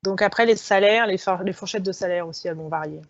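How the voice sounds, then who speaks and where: A woman's voice: medium pitch, fast talker, dry recording. A woman speaking frankly and with animation as a guest in a panel discussion. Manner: lively, frank, laughing. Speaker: alumna guest. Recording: dull lo-fi audio.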